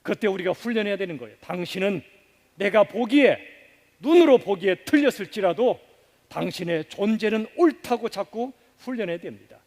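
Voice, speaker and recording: A man preaching a sermon as pastor, asking the congregation questions and leading them in repeating phrases, with loud stresses that drop to hushed endings. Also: high-pitched, lively intonation, normal speed. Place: church sanctuary. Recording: long reverb of a church sanctuary.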